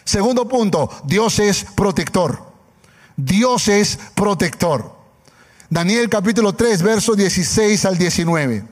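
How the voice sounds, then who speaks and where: A man's voice: sits high, lively intonation, slow pace. A man preaching a sermon with emphatic repetition, calling on the congregation for an amen. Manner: emphatic, calls for amen, repeats phrases. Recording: long hall reverb.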